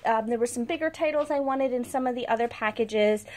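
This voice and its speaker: With a fairly high, slightly fast, and a little mellow voice, a book blogger and video host offers casual unboxing commentary in a chatty, informal style. She's filming in a carpeted room at home.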